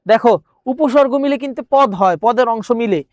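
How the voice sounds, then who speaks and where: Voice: mid-range voice, brisk, a little mellow, no echo. A teacher running an exam-prep grammar lesson, repeating words and questions, asking viewers, then answering.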